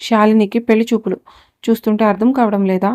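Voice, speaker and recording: A woman's voice: mid-range voice, fairly even intonation, quick pace, dry recording, lightly acted. A woman reading the lines of a domineering young man who speaks coldly and makes threats, in a Telugu audio story. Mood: stern. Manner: cold, commanding and quietly threatening.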